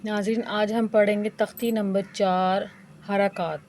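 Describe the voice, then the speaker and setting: A woman Quran reading teacher with a Pakistani Urdu accent, giving a patient lesson that drills letters and vowel marks syllable by syllable in a measured chant. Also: mid-range voice, level tone, darkish tone, a little hiss or hum. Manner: patient, explains rules briefly then drills each letter in a measured chant. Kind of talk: slow syllable-by-syllable recitation lesson.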